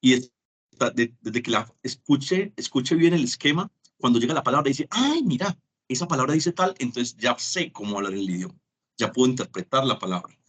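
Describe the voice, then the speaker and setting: A man's voice: mid-range voice, moderate pace, fairly bright tone, breathy edge. A man giving an online teaching lecture, chatty and acting out small dialogues as examples. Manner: chatty, acts out little dialogues. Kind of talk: web conference lecture.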